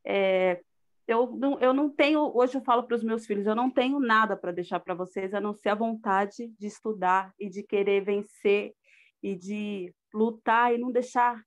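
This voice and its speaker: A woman's voice: mid-range voice, moderate pace. A middle-aged woman with a Brazilian Portuguese accent, giving an earnest, reflective personal testimony in a live talk. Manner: earnest, reflective, with frequent fillers. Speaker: guest speaker.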